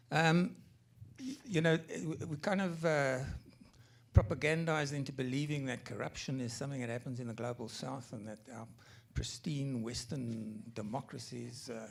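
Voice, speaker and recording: Raspy, gravelly man asking a question. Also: mid-range voice, steady tone, a little slow. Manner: hesitant, impassioned, many fillers and throat clearing. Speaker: audience questioner. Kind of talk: audience question at a panel.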